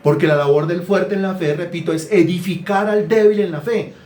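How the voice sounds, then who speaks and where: A man preaching a sermon as pastor, animated and colloquial, asking the congregation questions. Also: high voice, fairly quick, roomy sound. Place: church hall.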